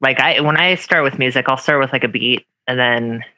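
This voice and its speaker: A man's voice: medium pitch, fairly quick, pushed and bright, poor audio. A man co-hosting a live stream chat, upbeat and enthusiastic as he asks questions. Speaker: co-host.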